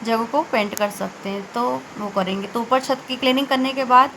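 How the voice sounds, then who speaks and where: A woman's voice: fairly high pitch, fairly bright tone, slight background noise, low-quality recording. A woman in her forties narrating a day of cleaning her home in a chatty, rambling way, often correcting herself mid-sentence. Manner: chatty and rambling, with self-corrections and filler pauses. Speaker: home vlogger.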